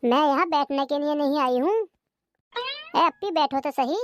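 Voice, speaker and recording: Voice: high-pitched, moderate pace, fairly bright tone, a little hiss or hum. A voice artist voicing a grown daughter who visits her mother and scolds her sister-in-law, for a cartoon. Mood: scolding. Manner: confronting, scolding.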